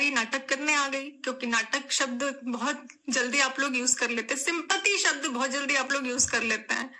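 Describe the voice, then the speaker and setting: A woman's voice: high voice, pushed and bright. A young woman vlogger speaking straight to her viewers, tearful and pleading, repeating her phrases as her voice breaks. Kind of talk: emotional vlog statement to camera.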